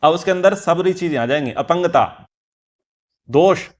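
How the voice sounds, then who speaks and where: A man leads a scripture class with an earnest, explanatory delivery. He repeats key phrases to drive points home, and his voice sits a little high for a man. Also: animated, normal speed, lo-fi sound. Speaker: Vedic teacher.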